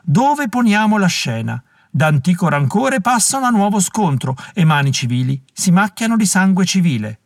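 A stentorian male chorus leader declaiming a prologue in a storybook reading, as a male narrator puts him on. His voice is pitched well above the reader's own and sweeps up and down with theatrical swings. The recording is close and dry. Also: dry recording, full character voice. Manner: declaiming, booming stage delivery.

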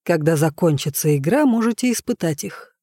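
Man as a calm patient robot, mellow, measured, dry close read. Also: fairly high pitch, no echo. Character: patient old male household robot.

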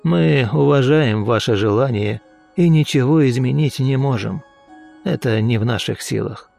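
Calm old taxi driver, read by a man. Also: medium pitch, vocal fry, faint music behind. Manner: slow, even, gently insistent.

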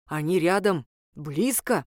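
A woman's voice: on the low side, expressive, takes it slowly, a little mellow, dry recording, studio quality. Woman reading as a blunt, hot-tempered village priest. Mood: weary. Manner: folksy, scolding speech.

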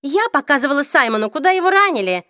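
A woman's voice: high-pitched, big pitch swings, fast, bright, forceful tone, no echo, studio quality, pitched above the performer's own voice, heavily acted. A woman voicing a flustered, hot-tempered young woman who speaks up defensively. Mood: flustered, indignant.

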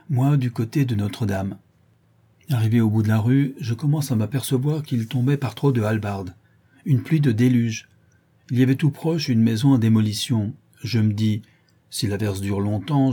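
A man voicing a rough, loyal Parisian ex-brawler who rambles in street slang. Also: fairly low pitch, warm tone.

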